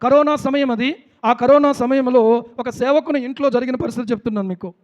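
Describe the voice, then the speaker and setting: A man's voice: very high-pitched, brisk. A man preaching a sermon, emphatic and repetitive, asking the listeners rhetorical questions. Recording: dull lo-fi sound with long hall reverb.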